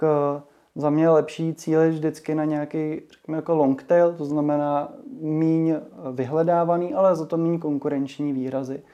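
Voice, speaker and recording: Male guest, mellow flat delivery, hesitant. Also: a little high, highs cut off. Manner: hesitant, many fillers and restarts. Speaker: guest, marketing association chairman. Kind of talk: casual interview talk.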